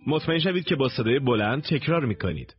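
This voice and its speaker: A man narrating a recorded language course in slow, deliberate, instructive steps. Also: mid-range voice, expressive, husky. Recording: dull lo-fi tape recording.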